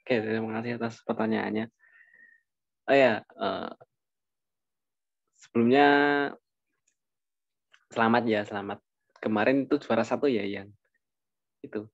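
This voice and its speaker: A young man answering questions in a webinar, speaking in a relaxed, informal way with plenty of fillers and asides. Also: on the low side, moderate pace, creaky, pauses often, dry recording, highs cut off. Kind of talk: casual Q&A mentoring.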